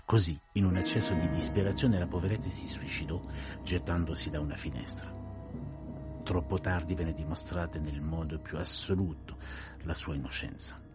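An actor playing a precise, courteous older detective in a radio play, telling events in a measured, grave way. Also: male voice, low voice, loud music behind the voice, natural voice.

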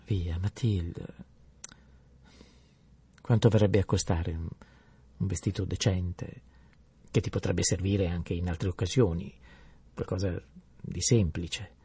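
A man's voice: low-pitched, steady tone, slow, pauses often, dark tone, husky, distant mic, pitched below the performer's own voice, heavily acted. A man voicing a modest, eager clerk husband who coaxes and exclaims. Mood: coaxing.

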